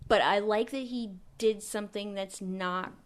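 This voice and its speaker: A woman's voice: mid-range voice, steady tone, measured pace, a little hiss or hum. A woman in a casual movie chat who sounds tipsy and sleepy, talking loosely, giggling and hedging.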